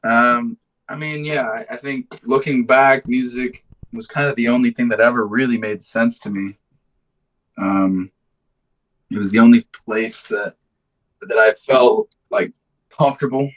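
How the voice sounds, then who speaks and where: His voice is mid-range, a bit bright, unhurried, and fairly even, though roughly recorded. This London-born musician in his twenties, who moved to the United States during high school, answers an interview casually, spinning laid-back stories loaded with slang and swearing.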